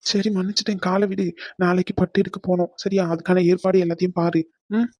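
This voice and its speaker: Cartoon casting: a woman playing a gentle young groom, low mellow voice, quick placating talk. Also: little pitch movement, no room sound, lightly acted. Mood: soothing. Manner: coaxing, placating. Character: patient soothing young husband-to-be. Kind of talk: cartoon voice acting.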